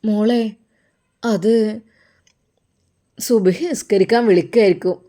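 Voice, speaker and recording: A woman's voice: mid-range voice, slow pace, dark tone. Woman doing a worried caring mother. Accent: Malappuram Malayalam. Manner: soothing, concerned.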